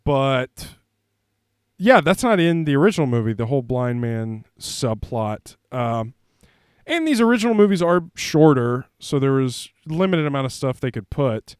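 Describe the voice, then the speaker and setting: A man's voice: medium pitch, big pitch swings, normal speed, clear, resonant tone, no echo, clean studio sound. A man hosting a casual movie commentary vlog, rambling with lots of fillers and goofy jokes. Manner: rambling, filler-heavy, jokey. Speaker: host.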